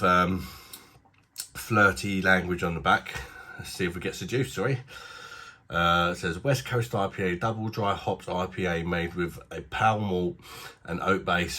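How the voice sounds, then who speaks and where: A British man reviews beer in a loose, rambling, self-deprecating style, his nose slightly blocked so he sounds a bit bunged up. His voice is low in pitch yet bright, with a forceful tone.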